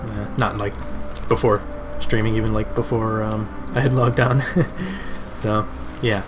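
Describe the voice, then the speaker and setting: A man livestreaming a game in casual, rambling and halting chat. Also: fairly low pitch. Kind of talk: casual stream chat over gameplay. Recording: game music, fan noise behind. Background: game music and a fan.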